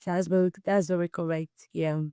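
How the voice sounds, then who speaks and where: A middle-aged Cameroonian woman, a wellness distributor being interviewed, tells her personal story in an earnest, testimonial way and often quotes herself. Her voice is fairly low, dark, and smooth, with flat delivery at a moderate pace. The audio is studio quality with no echo.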